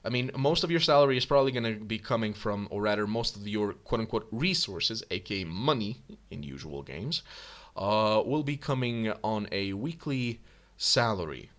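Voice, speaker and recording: A man's voice: on the low side, expressive, normal speed, a bit bright. A man casually commenting while he plays a video game, chatty and thinking aloud, often correcting himself. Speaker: gaming YouTuber. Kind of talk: casual let's-play commentary.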